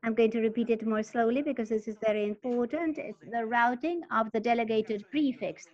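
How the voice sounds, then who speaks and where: A woman with a somewhat high voice walks through a technical setup in halting, stop-start phrases. Her delivery keeps pausing and picking up again. The sound is dull and lo-fi, like a muffled webinar feed. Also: fairly even intonation, a little mellow. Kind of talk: technical presentation.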